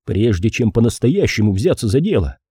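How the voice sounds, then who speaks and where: A man's voice: fairly low pitch, very animated, fairly quick, mellow, slightly rough, dry recording. A man voicing a sardonic, hard-drinking male private detective with a dry, mocking manner, in an audiobook reading.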